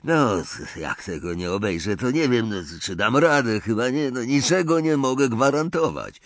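A man's voice: mid-range voice, expressive, normal speed, no room sound, pitched above the performer's own voice, natural voice. A man reading an audiobook, voicing a nervous, servile old shopkeeper who turns curt and cold with customers. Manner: fawning, then curt and cold.

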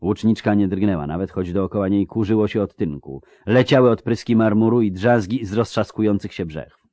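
A man narrating an audiobook in a steady, dramatic reading style. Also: fairly low pitch, no echo. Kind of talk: scripted narration.

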